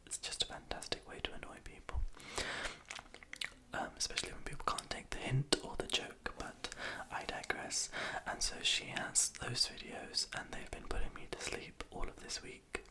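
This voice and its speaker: Whispered ASMR ramble from a young adult. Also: moderate pace. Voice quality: breathy, unvoiced whisper. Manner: hesitant, self-deprecating, rambling. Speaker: ASMR video creator. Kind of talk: whispered ASMR ramble, gossipy chat to the viewer. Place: small room in a house at night.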